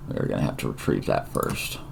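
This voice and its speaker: A man's voice: fairly quick, background noise. A tired man thinking aloud with many fillers as he walks through a coding tutorial, a yawn never far off. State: tired and yawning. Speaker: tutorial presenter. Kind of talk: casual screen-recorded coding tutorial.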